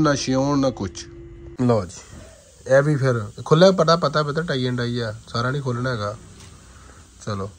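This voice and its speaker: A man gives informal, effusive shop sales patter, dramatic and full of drawn-out exclamations. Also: medium pitch, a bit bright. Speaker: shop seller presenting suit fabrics. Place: indoor fabric shop with tiled floor. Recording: clearly noisy shop-floor phone recording.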